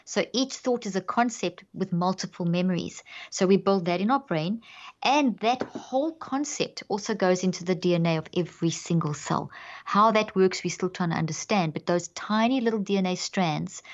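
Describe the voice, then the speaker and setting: A woman's voice: on the low side, dull audio. A woman from Zimbabwe with a South African accent, a podcast guest explaining ideas with analogies and frequent restarts. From Zimbabwe, raised in South Africa.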